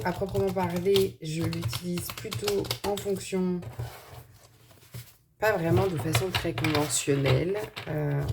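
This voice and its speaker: A woman's voice: fairly low pitch, noisy background. A woman with a slight lisp on her s sounds, giving an informal card reading and thinking aloud in a hesitant way. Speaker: tarot and angel card reader.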